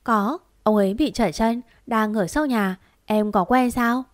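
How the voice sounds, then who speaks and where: A woman voicing a gentle, devoted young man in a romance story, speaking softly and tenderly. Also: fairly high pitch, unhurried, no echo, studio quality, lightly acted.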